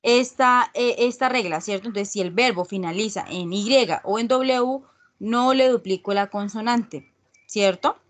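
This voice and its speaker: Woman teacher on a video call, slow and patient, keeps asking "right?" after each rule. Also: on the high side. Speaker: English teacher. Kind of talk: online English grammar class.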